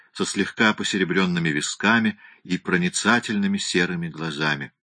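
Low husky guy reading a novel aloud, measured and even, bright tone. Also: no room sound. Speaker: audiobook narrator. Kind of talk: scripted narration.

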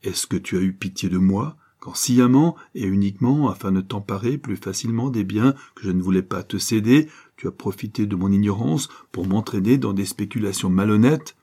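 A man's voice: on the low side, normal speed, warm tone, slightly rough. A man voicing a stern, wrathful older former convict who accuses in a thundering way, read as an audiobook. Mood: accusing. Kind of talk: audiobook reading.

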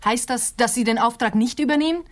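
A woman's voice: on the high side, brisk, natural voice. A woman playing a cool, insistent wealthy wife in a radio crime drama, speaking curtly and haughtily. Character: cool, insistent, easily offended wealthy wife hiring a detective.

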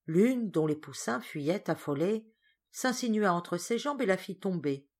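A woman reading a short story aloud as an audiobook narrator, in a measured and expressive way. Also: medium pitch. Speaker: audiobook reader. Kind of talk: scripted narration.

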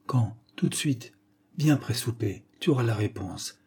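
A man reading aloud, voicing a young farm heiress who speaks softly but firmly. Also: medium pitch, animated, normal speed, breathy edge. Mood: tender. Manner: soft-spoken, firm.

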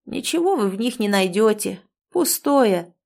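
A woman voicing a very old male wolf-shifter bookseller who talks slowly, dryly and gruffly. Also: mid-range voice, expressive, a little mellow. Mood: wry.

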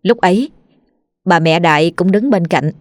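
A woman narrating a ghost story in a slow, sorrowful storytelling manner. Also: on the low side, a little mellow, no room sound, faint music behind.

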